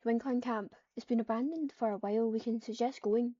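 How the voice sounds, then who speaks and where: With a fairly high, dark voice and fairly even intonation, a woman, an online roleplayer, briskly narrates an improvised third-person roleplay story, voicing the dialogue and tags herself and repeating phrases as she composes them. There's no room sound, but the muffled lo-fi mic picks up noisy keyboard typing and clicks.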